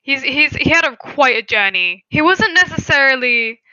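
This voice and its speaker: A woman co-hosts a podcast, chatting casually about a TV series while stammering hesitantly through her thoughts with many fillers. Her voice sits high, pushed and bright, with lively intonation at normal speed. The recording is dry with no echo, but dull and lo-fi.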